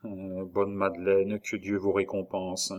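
A man's voice: sits low, monotone, a little slow. A man voicing a weary, resigned peddler. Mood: sorrowful. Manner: soft, resigned and hushed.

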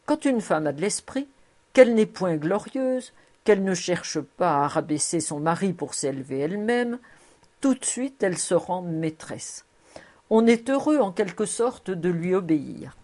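Old male rabbi, read by a woman, shrewd and kindly, pleading warmly, lowish voice, storybook reading. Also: lively intonation, measured pace. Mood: assured. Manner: fond, knowing, pleading.

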